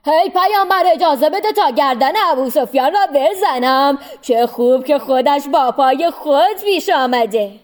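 A woman's voice: high voice, few pauses, pitched above the performer's own voice, close to an everyday voice. A woman putting on the voice of an alarmed, urgent man.

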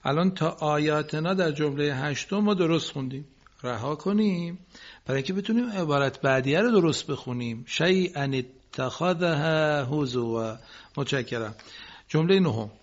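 A patient male recitation teacher leads a radio class, correcting his students and stretching out each phrase so they can copy it. His voice sits slightly high for a man. The recording is muffled and lo-fi, like an old broadcast. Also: lively intonation.

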